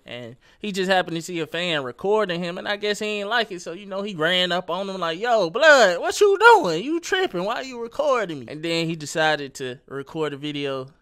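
A man's voice: on the high side, a bit bright, smooth. A young man hosting a casual celebrity gossip commentary video, talking loosely with lots of slang straight at the viewer. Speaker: YouTube commentary host.

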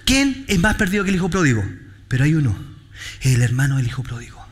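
A Chilean pastor preaching a sermon in church, telling stories with jokes and street slang. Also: male voice, fairly high pitch, fast. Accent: Chilean Spanish. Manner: animated, joking storytelling with street slang.

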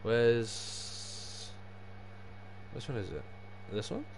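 A man's voice: medium pitch, sing-song, very slow. A young man chatting casually on a gaming livestream, sweary and full of matey slang. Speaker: livestreaming gamer. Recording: clear background noise.

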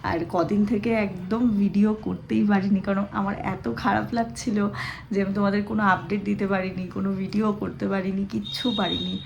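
Hoarse woman vlogging at home, keeps her voice soft and easy cuz her throat's sore, mid-pitched. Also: level tone, fairly quick, dull audio, slight background noise. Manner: speaks softly and carefully to spare her voice. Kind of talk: casual vlog chat.

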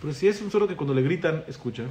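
Guy teaching a law class, quizzes the room, slightly high voice, faint hiss behind. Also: expressive, very fast, darkish tone. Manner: explains patiently, asks the class questions. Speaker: rabbi teaching halakha class. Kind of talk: Torah class with student questions.

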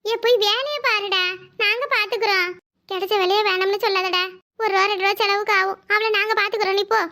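A woman voicing a fussing, caring older village mother-in-law in a cartoon, speaking with a southern Tamil Nadu accent and giving orders fast. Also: extremely high pitch, steady tone, sharp tone, heavily acted. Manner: bossy, fast, scolding yet tender. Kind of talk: cartoon voice acting.

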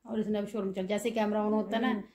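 A woman talking softly to her children and the camera at home late at night, recorded on a phone. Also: mid-range voice, flat delivery, quick pace. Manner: soft, coaxing talk to children at night. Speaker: vlogger, mother. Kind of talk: casual home vlog.

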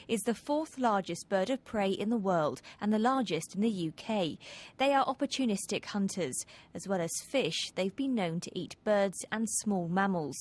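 Woman reporting in a measured tone. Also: medium pitch, a little mellow. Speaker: news reporter. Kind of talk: scripted news report voice-over.

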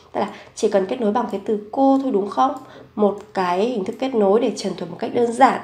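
A woman's voice: a little high, echoey room. Patient woman teaching a language lesson. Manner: slow, careful explanations with quick model sentences. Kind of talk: grammar lesson explaining example sentences.

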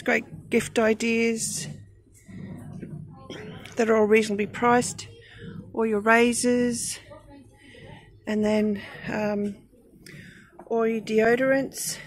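A middle-aged Australian woman chats through her fortnightly grocery haul on a handheld phone. She takes her time, with a slightly raised pitch, and fills her lists with ums and uhs. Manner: chatty and thrifty, listing items with frequent ums. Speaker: vlogger. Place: discount shop aisle, then at home over groceries.

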